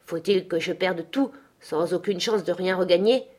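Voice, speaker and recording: A woman's voice: on the low side, moderate pace, natural voice. Woman voicing a desperate, menacing man. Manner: dark, threatening declamation.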